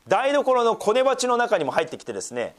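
A man preaching a sermon, reading scripture aloud and then explaining it with lively asides. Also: very high-pitched, a little fast. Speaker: pastor.

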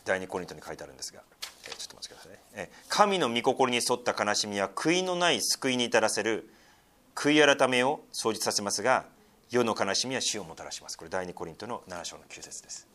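A man preaching a sermon, reading scripture loudly and then dropping to soft, almost whispered asides, chatty and full of fillers. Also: on the low side, animated, fast talker. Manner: conversational, with many fillers and tag particles. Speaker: pastor.

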